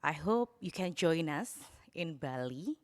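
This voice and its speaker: Indonesian-accented woman, low pitch, smooth clear voice, halting delivery with fillers. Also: expressive. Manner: halting, many filler sounds. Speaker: forum secretariat representative. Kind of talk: conference announcement.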